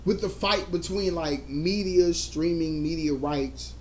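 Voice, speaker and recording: High-voiced tipsy man, loud banter. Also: measured pace, slight background noise. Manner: loud, laughing, says he is drunk. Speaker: podcast co-host. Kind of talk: casual live-show banter.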